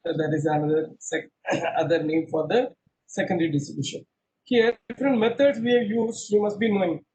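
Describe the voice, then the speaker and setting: This middle-aged teacher speaks in a high, brisk voice with a slightly mellow quality. He runs an online class from a small indoor room, quizzing his students, repeating himself, and switching between English and Hindi, all captured in low quality by a laptop webcam on a video call.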